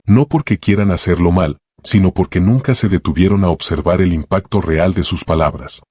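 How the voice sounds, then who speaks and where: A man narrating a self-help audiobook in a calm, measured way, speaking in short reflective phrases. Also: sits low, husky, no room sound, clean studio sound.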